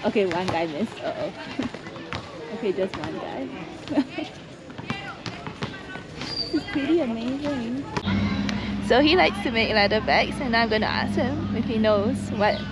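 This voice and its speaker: A woman's voice: fairly high pitch, lively intonation, a little slow, pauses often, loud music behind the voice, a loud crowd. A woman travel vlogger chatting casually outdoors, laughing often and asking curious questions, recorded on a handheld camera. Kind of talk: casual chat. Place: outdoors in a town park. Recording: outdoor street noise.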